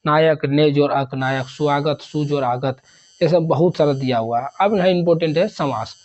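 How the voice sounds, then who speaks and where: A man's voice: on the high side, normal speed, darkish tone, dull audio. A man teaching an exam revision grammar lesson, rattling off examples one after another and repeating terms.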